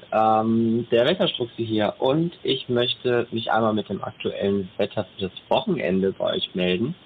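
A man reading a casual weather report as an answering machine message, friendly and chatty with small slips and self-corrections. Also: medium pitch. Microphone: telephone. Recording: tinny answering-machine phone line with faint hiss.

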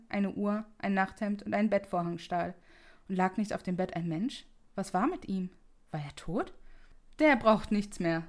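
A woman reading a classic Christmas story aloud for a podcast, in a calm, even storytelling voice. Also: medium pitch.

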